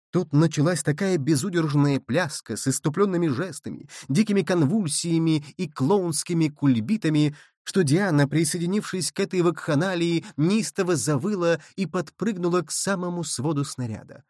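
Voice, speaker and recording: A male narrator with a fairly high voice reads a classic adventure novel. His delivery is lively and theatrical. The recording is dry, with no room sound. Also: dry recording. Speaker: audiobook narrator. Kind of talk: expressive novel reading.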